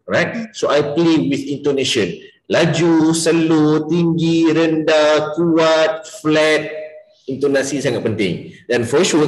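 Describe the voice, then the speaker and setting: A man's voice: mid-range voice, reverberant, rough recording. A Malaysian man running an interactive business coaching class, mixing English into Malay and quizzing his students by name.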